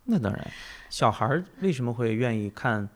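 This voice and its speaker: A podcast host with a medium-pitched, expressive male voice muses philosophically at a moderate pace. His conversational delivery is emphatic, full of repetition and rhetorical questions.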